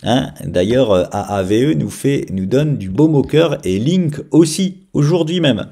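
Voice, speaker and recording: A man giving a casual crypto chart analysis, talking in an animated way and filling pauses with frequent hesitations. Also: medium pitch, breathy edge. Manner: animated, frequent "hein" and "euh" fillers.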